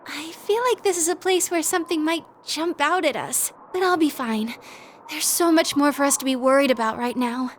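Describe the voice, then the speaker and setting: A woman voicing a shy, gentle teenage schoolgirl in a video game, speaking softly and earnestly. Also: sits high, moderate pace, a little hiss or hum, close to an everyday voice. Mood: anxious. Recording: game audio with background music.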